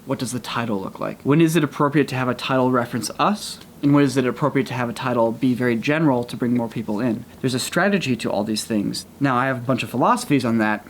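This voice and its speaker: Man, host, rapid straightforward talk, mid pitch, faint background hum. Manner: straightforward, earnest, rapid explanation. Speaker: host explaining a job opening. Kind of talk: casual explanatory talk.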